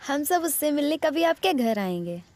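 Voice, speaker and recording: A friendly, curious young woman in a cartoon, voiced by a woman. Her voice is high and light, and she often asks questions. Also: very animated, moderate pace, a little mellow.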